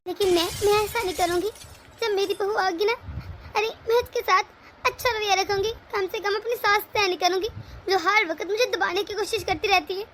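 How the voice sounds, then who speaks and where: A browbeaten middle-aged wife who long bore her mother-in-law's rule, voiced by a woman in a cartoon story. Her very high, bright voice grumbles and pleads. She sounds put-upon but quick to defend herself. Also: fairly even intonation, slight background noise. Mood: grumbling. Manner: complaining, pleading. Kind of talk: cartoon voice acting.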